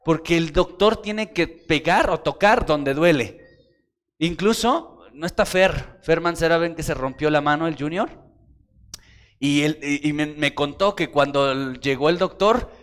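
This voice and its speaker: A male pastor with a Mexican Spanish accent preaching a sermon to his congregation, joking and talking straight to the people in the pews. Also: high-pitched. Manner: lively, joking, addresses the congregation directly. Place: church.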